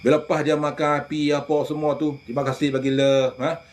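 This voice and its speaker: A man, a religious healer telling animated stories in casual chat, often addressing listeners directly. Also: a little high, a little fast.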